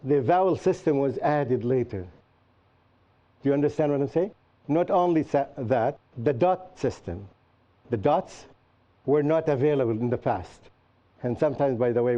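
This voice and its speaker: A man's voice: mid-range voice, dark tone. A man teaching a class, often asking students what else they can name and explaining patiently with examples. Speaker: Qur'an teacher and show host. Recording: dull lo-fi recording.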